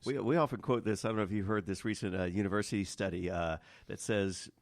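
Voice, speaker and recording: Deep-voiced chatty radio host. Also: male voice, steady tone, fast talker, dry recording, clean studio sound. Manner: chatty, filler-heavy, joking. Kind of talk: casual interview chat. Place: radio studio.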